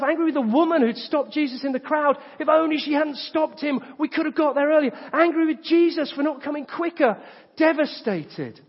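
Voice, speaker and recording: A man's voice: extremely high pitch, in a large hall, highs cut off. A man preaching a sermon, retelling a story with rhetorical questions. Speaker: pastor.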